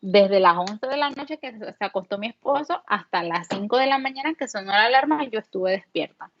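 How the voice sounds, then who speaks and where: A woman's voice: mid-range voice, a little fast, no room sound. Panamanian woman telling her story, dull audio. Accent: Panamanian Spanish. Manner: candid, animated retelling with many fillers. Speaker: guest mother. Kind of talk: personal storytelling.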